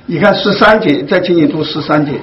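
A man with a high-pitched voice leads a Bible study, talking slowly and with many fillers as he explains scripture to a church group. The recording is dull and muffled, with a faint hiss behind him. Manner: slow, deliberate, with frequent fillers. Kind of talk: Bible teaching to a congregation.

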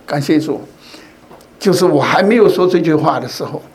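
A man's voice: on the high side, lively intonation, moderate pace, darkish tone. A man giving a sermon in a conversational way, telling a personal story and often asking his listeners rhetorical questions. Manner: tells personal stories to make a point. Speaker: preacher.

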